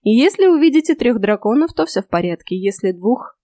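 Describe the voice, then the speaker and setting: A woman voicing a calm, composed female dragon in an audiobook, speaking formally. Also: a little high, a little fast, dry recording, clean studio sound. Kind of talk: audiobook character voice.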